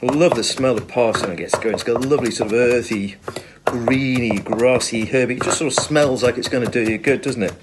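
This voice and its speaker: British guy doing a casual home cooking vid, chirpy and keen, normal pitch, noisy kitchen in the background. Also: brisk. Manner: chirpy, enthusiastic, full of tag questions and asides. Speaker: home cook presenting a recipe video. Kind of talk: casual chat while cooking. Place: home kitchen, filmed on a phone. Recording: clear background noise, kitchen clatter.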